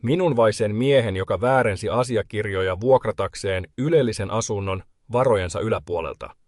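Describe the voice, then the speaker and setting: A man voicing an unshakable widowed grandmother who speaks calmly and coldly. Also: on the low side, no room sound, studio quality, natural voice. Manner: calm, clipped, cold. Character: cold, unshakable widowed grandmother, older woman.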